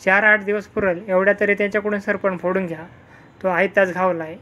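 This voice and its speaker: A reader puts on a pushy, scolding village wife in a storybook tale. She talks in a nagging way at a middling pitch. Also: flat delivery, brisk, bright, forceful tone, lo-fi sound, lightly acted.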